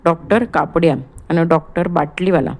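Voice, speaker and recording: A woman's voice: fairly low pitch, steady tone, moderate pace, darkish tone, close to an everyday voice. A woman voicing a bitter, distraught young wife in an audiobook play reading, speaking curtly. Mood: startled. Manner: curt and bitter.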